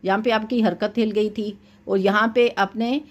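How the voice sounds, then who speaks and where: A woman's voice: mid-range voice, steady tone. Patient woman teaching Quran recitation. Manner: patient, explains step by step, often checks in with "okay"; recites verses slowly and drawn out. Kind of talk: teaching tajweed, correcting a student's recitation.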